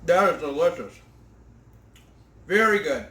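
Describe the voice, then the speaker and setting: A man's voice: on the high side, lively intonation, unhurried, a bit bright, echoey room. A man hosting an outdoor cooking vlog, tasting his fried fish with enthusiastic exclamations. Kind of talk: casual eating vlog.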